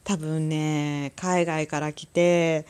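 Kansai lady chatting solo on her show, lowish voice, laughs a lot. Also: very slow, smooth. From Kansai, Japan. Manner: chatty, laughs often, lively sound words. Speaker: podcast host. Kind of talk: casual solo talk.

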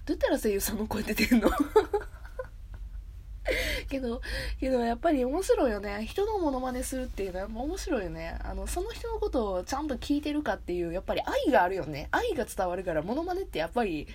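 A woman's voice: a little high, fast, slightly rough. A woman with a Kansai accent hosting a solo casual radio talk, laughing often and joking at herself. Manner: laughs often, lively and self-mocking. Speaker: podcast host.

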